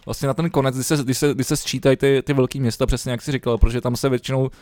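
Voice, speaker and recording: A man's voice: mid-range voice, fairly even intonation, darkish tone, no echo, studio quality. A young man co-hosting a podcast over a remote call, chatting loosely with lots of swearing and fillers. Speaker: podcast co-host. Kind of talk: casual chat.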